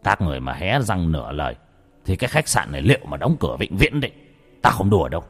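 A man's voice: low-pitched, very animated, fast, breathy edge, faint music behind, full character voice. A man voicing a stern, hot-tempered older father who barks threats and orders. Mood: threatening. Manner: barking threats, curt orders.

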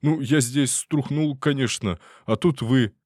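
A man's voice: medium pitch, measured pace, darkish tone, no room sound, clean studio sound, pitched above the performer's own voice, close to an everyday voice. A man voicing a frightened, whining middle-aged trespasser who pleads and stammers to be let go. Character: whiny scared middle-aged male trespasser.

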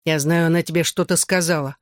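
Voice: mid-range voice, steady tone, quick pace, dry recording, natural voice. Reader plays a hot-tempered teen boy, insistent, growling, dry audiobook read. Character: intense hot-tempered male teen athlete. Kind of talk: audiobook dialogue reading.

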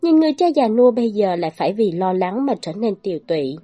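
A woman narrating a dramatic folk story in a steady storytelling manner. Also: mid-range voice, quick pace.

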